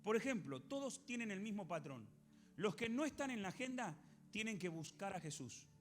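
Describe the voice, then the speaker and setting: A man with an Argentine accent preaching a sermon as a pastor, animated, questioning the congregation and acting out biblical voices. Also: high-pitched, moderate pace, faint music behind. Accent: Argentine Spanish.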